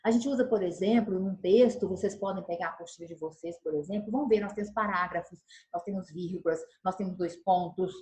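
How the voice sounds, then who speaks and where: A woman's voice: fairly low pitch, a little fast, hardly any pauses, echoey room, low-quality recording. A woman teacher, giving a recorded video lesson and gesturing as she explains. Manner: animated, gestures while explaining; acts out tones of voice as examples. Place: room, recording alone.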